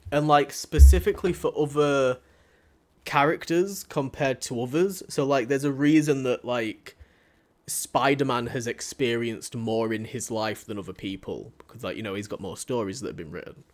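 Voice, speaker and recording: A man's voice: medium pitch, normal speed, a little mellow. A young man with a Yorkshire accent hosting a casual podcast chat, talking loosely and filling his sentences with "like". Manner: loose and chatty, heavy use of "like". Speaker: podcast host.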